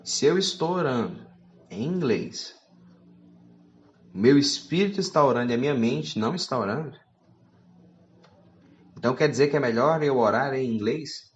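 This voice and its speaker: A man delivers a teaching sermon with an animated, wide-ranging pitch. He reads scripture aloud and keeps turning to his listeners with pointed rhetorical questions. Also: normal speed, long pauses, echoey room, dull audio. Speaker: preacher.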